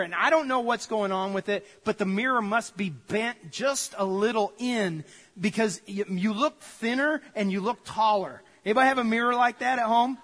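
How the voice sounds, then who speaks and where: A man with a high, light voice preaches in a sanctuary, and the sound rings out with a long church reverb. He keeps it conversational, drifting into jokes and everyday stories as he talks to the congregation. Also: bright, forceful tone. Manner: conversational, jokey storytelling to the congregation. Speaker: pastor. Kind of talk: sermon.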